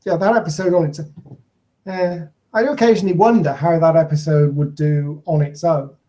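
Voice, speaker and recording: A man's voice: fairly high pitch, steady tone, normal speed, dark tone. A man co-hosting a writing podcast, talking casually and musing in a self-deprecating way. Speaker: podcast co-host. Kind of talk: casual chat about writing.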